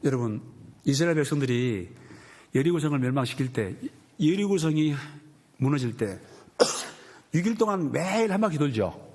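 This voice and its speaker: Husky-voiced pastor preaching animatedly. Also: male voice, fairly high pitch, moderate pace, pauses often. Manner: animated storytelling, acting out quoted voices. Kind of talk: sermon.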